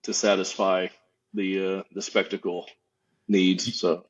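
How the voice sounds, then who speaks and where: Podcast guest, man, very low and husky voice, easygoing delivery, muffled lo-fi recording. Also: unhurried. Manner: relaxed, easygoing, lots of "you know". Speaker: festival co-owner, guest. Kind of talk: casual interview chat.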